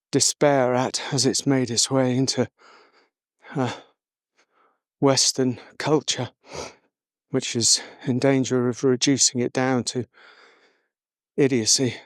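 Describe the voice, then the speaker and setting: A man on a walk outdoors, a little winded, talks in a slow, reflective way with long pauses. His voice sits mid-range and sounds dry and close to the mic. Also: medium pitch, dry recording. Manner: slow, reflective, pausing often. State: a little out of breath. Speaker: spiritual teacher. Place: outdoors in hills.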